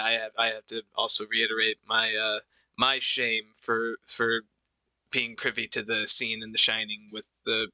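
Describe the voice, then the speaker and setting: Midwestern male podcast host, halting casual delivery, very bright tone, dry close sound. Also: on the low side, no room sound. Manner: halting, many restarts and fillers. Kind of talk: casual stream chat.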